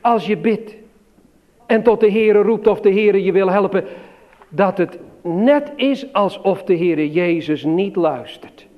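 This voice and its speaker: Male preacher, children's sermon, raised pitch, unhurried emphatic delivery, dull lo-fi sound. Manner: slow and emphatic, questioning the listeners.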